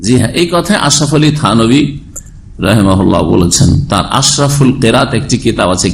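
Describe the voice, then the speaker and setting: A man's voice: on the low side, animated, fairly quick, gravelly. Preacher man explaining patiently. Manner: explanatory, asks the audience rhetorical questions. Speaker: Islamic preacher. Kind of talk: sermon lecture.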